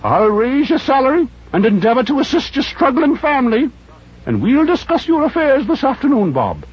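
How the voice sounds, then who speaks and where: A man voicing Scrooge, an elderly reformed miser, giddy and overjoyed, in a high, cracking excited falsetto. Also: moderate pace, husky, full character voice. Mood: jovial. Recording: dull lo-fi audio with faint music.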